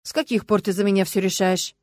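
A woman's voice: mid-range voice, steady tone, fast talker, darkish tone, dry recording, close to an everyday voice. A woman reading an audiobook and voicing an anxious, chatty young wife who frets and chatters. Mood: fretful. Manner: fretful, chattering.

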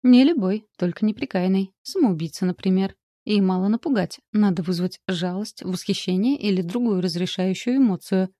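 A woman voicing a calm, stern aristocratic count who explains things in a measured way. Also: medium pitch, no echo, studio quality, close to an everyday voice.

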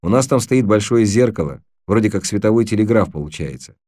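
A man's voice: on the low side, animated, brisk, a little mellow, no echo, clean studio sound, close to an everyday voice. A man voicing a matter-of-fact boy.

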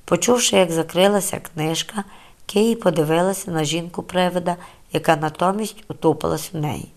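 A woman narrating a novel in a calm, measured storytelling voice. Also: lowish voice. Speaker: audiobook narrator. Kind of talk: scripted literary narration.

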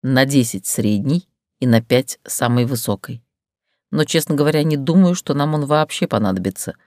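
A woman reading an audiobook, voicing a stern, controlled man in a lowered, clipped, commanding voice. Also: lively intonation, normal speed, darkish tone, dry recording, studio quality. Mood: calm firm.

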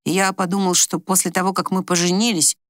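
A teasing, level-headed doctor husband, as a woman reader lowers her voice for him. He jokes drily and reassures in a steady, grounded tone. The recording is close and dry. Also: brisk, no echo, lightly acted. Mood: tender, earnest. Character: wry, teasing male doctor husband, patient and calm. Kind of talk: audiobook character reading.

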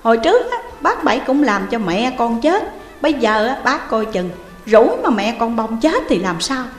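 A woman voicing an angry young boy, shouting tearful accusations. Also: fairly high pitch, big pitch swings, normal speed, voice pushed up. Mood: angry, accusing. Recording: roomy reverberant room, faint music.

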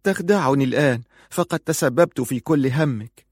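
A man's voice: medium pitch, moderate pace, no echo, studio quality, pitched above the performer's own voice, natural voice. A man voicing a proud, wounded young woman who speaks sharply and with accusation. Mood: bitter.

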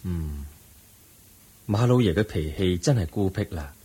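In a 1980s-style radio drama, a male actor plays the serene, wise Buddha, a calm teacher who is gentle and patient and asks questions the way a teacher would. His deep, husky voice is expressive and measured, a full character voice with a serene, patient mood.

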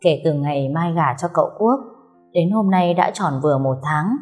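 A woman's voice: sits low, normal speed. Woman narrating a story, faint music. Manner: calm, expressive storytelling. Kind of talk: scripted audiobook narration.

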